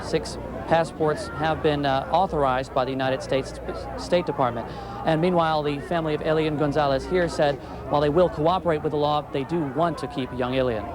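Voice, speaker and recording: A male TV field reporter delivers a live news report outdoors on a city street, his voice on the high side with fairly even intonation and a brisk pace. The live shot picks up crowd and street noise around him.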